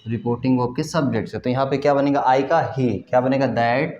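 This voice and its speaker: A man's voice: mid-range voice, fairly even intonation, fairly quick, a little mellow, slight background noise. A man teaching English grammar in a classroom lecture, drilling students with repeated questions. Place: classroom with a board. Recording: roomy, dull classroom recording.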